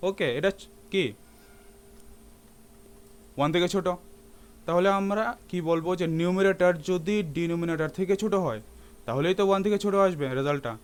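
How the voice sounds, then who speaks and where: A man's voice: sits high, fairly quick, pauses often, smooth. A man teaching a math lesson in a classroom-lecture style, often asking his students rhetorical questions and slipping English terms into his speech.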